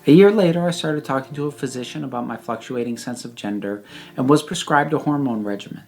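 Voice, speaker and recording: This prepared personal reflection comes from a speaker in their thirties whose mid-range voice is a little mellow. Each phrase is measured and emphatic, with pauses placed on purpose, and faint music sits behind.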